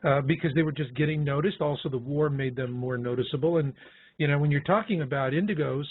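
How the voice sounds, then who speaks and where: A man's voice: a little high, fast talker, husky, dry recording. A man hosting a radio talk show, explaining his points in a conversational way. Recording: tinny phone-like sound.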